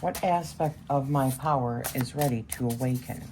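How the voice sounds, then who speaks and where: Over a noisy background, a tarot reader with a strong, rumbling low voice talks through a spread at a moderate pace. She's chatty and rambles a little, leaning on lots of fillers.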